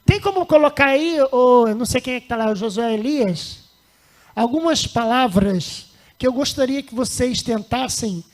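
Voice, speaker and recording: A man hosting a podcast interview, playful and teasing, steering the talk and calling on his crew. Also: very high-pitched. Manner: playful, teasing, directs the show. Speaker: podcast host. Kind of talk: casual interview, joking asides.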